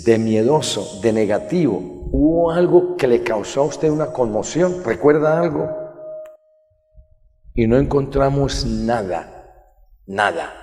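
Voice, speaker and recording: A man's voice: medium pitch, a little mellow, long reverb tail. A man, a priest, preaching at a healing congress and telling stories with emphatic, rising indignation. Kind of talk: healing sermon.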